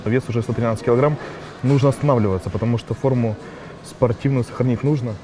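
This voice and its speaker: A man's voice: medium pitch, steady tone, fast, noisy background. A man in his twenties, a bodybuilder, chatting casually and talking straight to viewers in a gym. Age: 20s. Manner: chatty, addresses viewers directly. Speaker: bodybuilder guest. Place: indoor gym.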